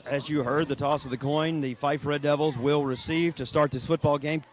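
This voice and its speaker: A man calling a local high school football game on the radio, getting excited on big plays. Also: normal speed. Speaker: play-by-play announcer. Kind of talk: local radio sports commentary.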